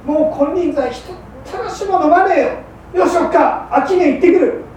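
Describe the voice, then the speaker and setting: A gruff, hard-drinking fishmonger with a rough old Edo Tokyo working-class accent, as a woman puts him on in a storyteller's act. His lines come clipped and blunt. The voice sits far off in a very roomy, echoing hall with a faint hum behind it. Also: very high voice, moderate pace, darkish tone, voice pushed up. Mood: resolved. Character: hard-drinking male fishmonger, rough, boastful, then repentant.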